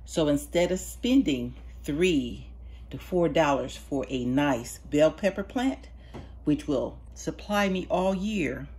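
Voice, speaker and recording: A woman with a low, darkish voice casually narrates a seed-starting demonstration in her sunroom. She's a home gardener, homey, chatty and patient as she works with her hands.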